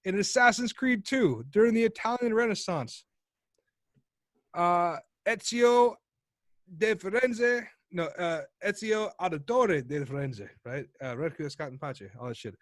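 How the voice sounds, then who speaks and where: A man's voice: sits high, lively intonation, unhurried, no room sound, clean studio sound. A man co-hosting a casual podcast chat, rambling and swearing as he tells a story and acts out the people in it. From United States. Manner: rambling, profane storyteller who acts out quoted characters. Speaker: podcast co-host.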